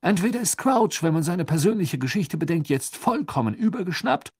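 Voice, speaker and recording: A man's voice: big pitch swings, a little fast, breathy edge, heavily acted. A man doing a flustered, blustering minister. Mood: agitated. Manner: high, loud, agitated and pushy. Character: flustered blustering male minister, middle-aged.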